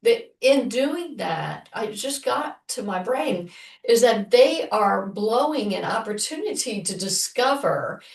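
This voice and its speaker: A woman's voice: fairly high pitch, slow pace, vocal fry, distant mic. Woman talking in an echoey room, off-mic. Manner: animated, quotes people in voices. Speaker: relationship therapist and co-host. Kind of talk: casual podcast conversation.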